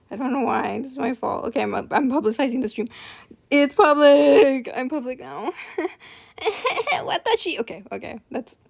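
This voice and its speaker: A woman's voice: a little high, vocal fry, darkish tone. A young woman streaming live, chatting casually, nervous and apologetic, rambling with lots of fillers.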